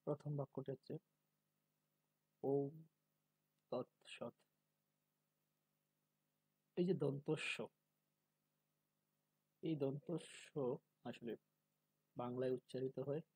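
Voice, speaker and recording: Guy teaching pronunciation, slow and careful, dark husky voice, dry close sound. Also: mid-range voice, no echo, poor audio. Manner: slow, deliberate, drawing out syllables when demonstrating. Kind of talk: calm spoken lesson.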